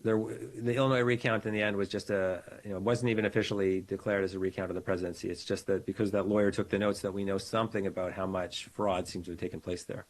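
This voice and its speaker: A man, a political science professor, giving a measured, analytical explanation as a guest over a video call. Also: sits low, flat delivery. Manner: measured, analytical, with frequent restarts. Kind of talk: explanatory interview talk.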